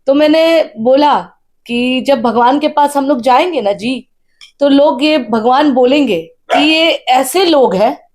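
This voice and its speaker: भावुक होकर कहानी सुनाती ऊँची आवाज़ वाली महिला. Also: female voice, high voice, takes it slowly, a little mellow. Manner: earnest storytelling, tearful at times. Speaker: interviewee, wife of a candidate. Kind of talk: emotional personal account.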